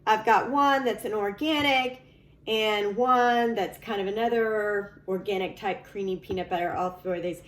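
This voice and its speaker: A woman's voice: medium pitch, fairly even intonation, moderate pace. A woman hosting a casual cooking video in a chatty, emphatic way, drawing out some of her phrases. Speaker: cooking show host. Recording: echoey room with faint background noise.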